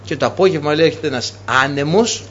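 A man's voice: on the high side, fairly bright tone, lo-fi sound, slight background noise. A man preaching a sermon to his congregation, emphatic and repeating key phrases for weight.

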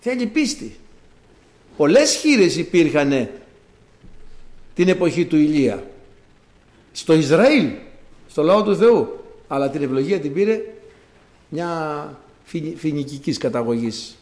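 A man's voice: fairly high pitch, big pitch swings, long pauses, a little mellow, reverberant. A male preacher giving a sermon, telling stories dramatically and acting out the quotes. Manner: dramatic storytelling with acted-out quotes.

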